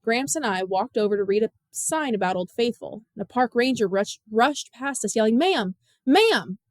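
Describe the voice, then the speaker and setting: Woman narrating an audiobook, high and dry. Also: no echo. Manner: measured, expressive storytelling. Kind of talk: scripted narration.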